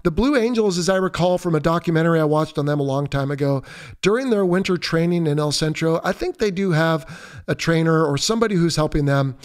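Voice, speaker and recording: A man of fifty hosting a podcast, answering listener mail in a relaxed, joking way. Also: fairly high pitch. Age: 50s. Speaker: podcast host. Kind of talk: reading listener questions and answering.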